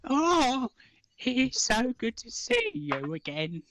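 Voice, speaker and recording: A man's voice: very high voice, huge pitch swings, slight background noise, pitched above the performer's own voice, exaggerated voice. A man voicing a frail, kindly old woman in a tabletop game, with a shaky voice and hesitant, doddering manner. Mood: warm welcome. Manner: slow, hesitant, doddering, gently fussy. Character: frail, short, hunched old human woman, kindly and welcoming. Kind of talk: tabletop role-play character voice.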